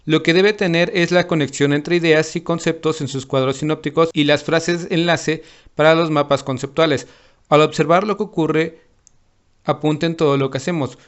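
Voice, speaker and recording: A man reading a lesson summary aloud, steady and explanatory. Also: fairly high pitch, normal speed.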